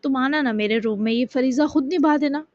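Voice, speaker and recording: A woman voicing an affectionate, teasing grown man, a romantic lead, in a soft, doting manner. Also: sits high, no room sound, natural voice. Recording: dull dry lo-fi sound.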